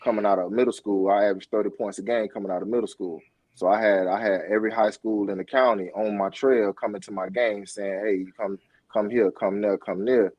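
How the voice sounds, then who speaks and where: Podcast guest: middle-aged Floridian man, low mellow voice, rambling with fillers, dry sound. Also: steady tone, brisk, no room sound, lo-fi sound. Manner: rambling, many fillers and restarts. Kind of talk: casual interview talk.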